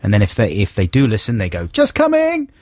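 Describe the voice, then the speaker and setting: Casting: male radio co-host, lowish voice, dry studio sound, rambling and self-mocking. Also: fast, a little mellow, dry recording. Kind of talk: casual radio chat. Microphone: studio mic.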